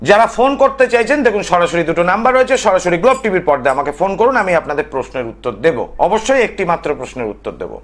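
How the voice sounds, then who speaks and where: Male TV astrologer-host, high and animated voice, declamatory and insistent, delivering a live call-in sermon-style pitch. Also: very fast, few pauses. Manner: emphatic, rhythmic listing with rising declamatory stresses. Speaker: tantric astrologer hosting a live call-in TV show. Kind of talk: impassioned TV call-in monologue.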